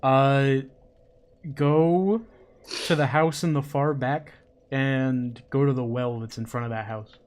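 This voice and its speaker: A man's voice: medium pitch, steady tone, takes it slowly, darkish tone. A young man on voice chat directing a friend through a video game, cursing and teasing as he goes. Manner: bossy, profane, laughs often. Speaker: gamer on voice chat. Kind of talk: casual gaming banter.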